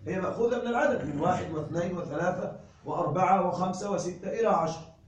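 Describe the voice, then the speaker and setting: High-voiced man teaching grammar in an echoey room. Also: slight background noise. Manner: drawn-out, repeating patterns and quizzing listeners. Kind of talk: classroom grammar lesson. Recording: very echoey room, mic far off.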